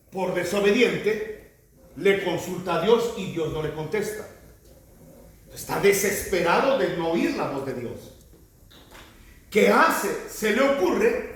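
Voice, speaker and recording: A man preaching a sermon, telling the story with animated delivery and acting out quoted voices. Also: high-pitched. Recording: very echoey room, mic at a distance.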